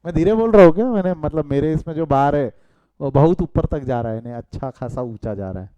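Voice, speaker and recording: A middle-aged commerce teacher with an Indian accent runs a live online class, his mellow, slightly high voice expressive, smooth and fairly quick. He mixes Hindi and English, fires questions at students and wanders into chatty side stories. A close call mic captures him, though the sound is muffled.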